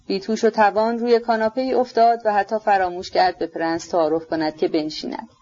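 A woman reading a novel aloud in a steady, even way, in a dull lo-fi recording. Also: lowish voice. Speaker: audiobook reader.

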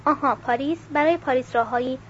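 A woman's voice: sits high, dull audio, slight background noise, lightly acted. A woman reading a polite young nobleman. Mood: courteous. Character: young nobleman who lives in trees, polite.

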